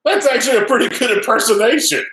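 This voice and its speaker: A man hosting a casual sports talk show, excitable and stammering. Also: very high-pitched, fast talker. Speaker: host. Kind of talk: casual interview chat. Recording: echoey room.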